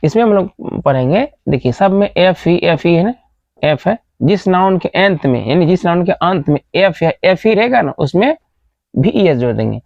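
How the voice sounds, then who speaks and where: A man gives a grammar lesson in a gravelly voice, spelling out words letter by letter. He keeps asking questions and answering them himself. The recording is dry and dull, like a cheap close mic. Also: high-pitched, very animated, normal speed, darkish tone, no room sound. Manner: asks the class questions, then answers them. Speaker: teacher.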